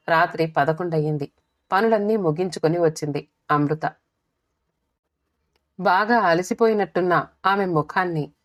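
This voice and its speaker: A woman narrating a first-person audiobook story in a steady, measured reading. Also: on the low side, no room sound.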